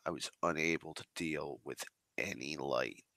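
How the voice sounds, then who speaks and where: A streamer with a very deep, gravelly voice that has a crisp, bright edge drawls through a slow, rambling casual monologue, swearing freely and sighing between thoughts. Still getting over the flu, he sounds slightly congested. The recording is close and dry on a desk microphone, with no room sound.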